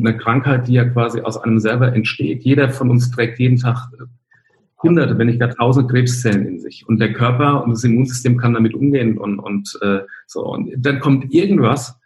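A man's voice: mid-range voice, normal speed, a little mellow. A man speaking as an interview guest in casual conversation, telling stories and explaining while restarting his sentences. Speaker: interview guest, nutrition scientist.

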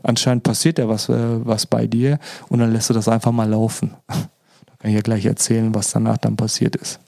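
A man's voice: on the low side, flat delivery, brisk, vocal fry, mellow, dry recording, studio quality. A man tells a personal story as a podcast guest, informal, with many fillers and acted-out quoted dialogue.

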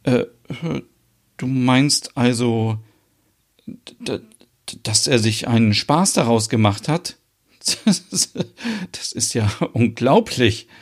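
A man's voice: mid-range voice, big pitch swings, unhurried. Man doing a flustered, stammering woman. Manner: hesitant, stammering, easily embarrassed. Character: flustered middle-aged woman, naive about online dating. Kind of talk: podcast soap opera acting.

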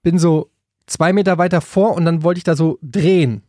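A man's voice: a little high, normal speed, dark tone, dry recording, studio quality. A man from Frankfurt, a podcast co-host, telling a story in casual chat. He rambles, restarts often and gets worked up as he goes. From Frankfurt, Germany. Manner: rambling, with many restarts and hesitations, getting worked up as the story builds.

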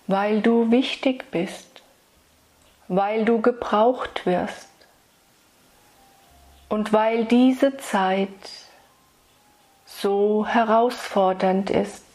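A woman speaking as a spiritual meditation guide, soothing and intimate, addressing the listener solemnly and tenderly with long pauses. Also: mid-range voice, darkish tone. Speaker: spiritual meditation guide delivering channeled messages.

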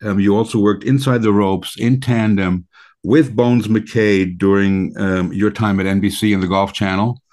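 A man hosting a radio talk show in a conversational style, with halting, deliberate phrasing. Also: fairly low pitch, steady tone, a little mellow.

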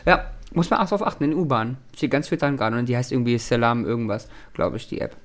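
A man's voice: mid-range voice, expressive, quick pace. A man from Germany, a podcast co-host, chatting casually and joking around. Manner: playful, joking. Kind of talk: casual chat.

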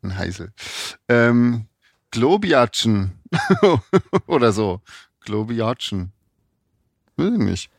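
A man co-hosting a podcast, chatting casually in a relaxed, musing way with lots of short agreements. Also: lowish voice, slow pace, gravelly, pauses often, no room sound, studio quality. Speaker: podcast co-host. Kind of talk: casual chat.

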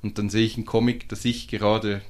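A man with a Swiss German accent, a comic shop owner talking casually as a podcast guest, animated and full of fillers and restarts. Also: fairly low pitch, brisk. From Switzerland.

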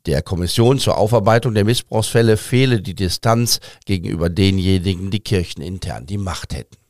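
A man's voice: fairly low pitch, no echo, clean studio sound. A man hosting a news podcast, presenting scripted news.

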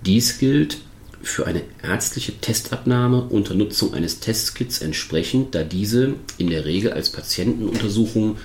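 A man hosting a tax advice podcast, explaining in a measured way with many fillers and restarts. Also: on the low side, animated, roomy sound. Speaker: tax advisor podcast host. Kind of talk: informational podcast monologue.

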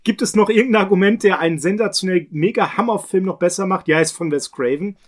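A man's voice: high voice, quick pace. A middle-aged man co-hosting a podcast, chatting casually and emphatically about films with slangy enthusiasm. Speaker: podcast co-host.

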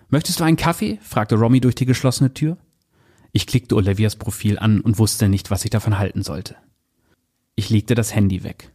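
Male book reviewer: dark, husky delivery, calm and measured, faint music underneath. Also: fairly low pitch. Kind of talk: book review with read-aloud excerpt.

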